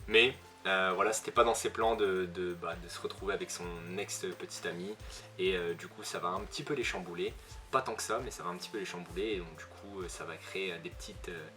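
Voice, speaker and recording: Chatty man with a bright voice. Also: low-pitched. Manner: chatty, with frequent hesitations and self-corrections. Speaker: manga reviewer. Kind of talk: casual spoken review.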